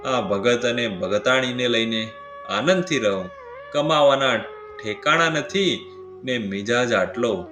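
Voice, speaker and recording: A man voicing a shrewish sister-in-law who scolds loudly. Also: animated, slow pace. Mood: wailing. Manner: shrill, loud scolding. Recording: roomy with clear music behind.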